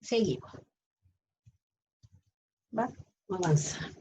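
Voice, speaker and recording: A woman's voice: fairly low pitch, animated, slow pace, dark tone, slight background noise. A middle-aged woman, teaching a class and often checking if students follow. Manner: explains with frequent checking questions. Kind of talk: online class lecture. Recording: dull lo-fi online class audio.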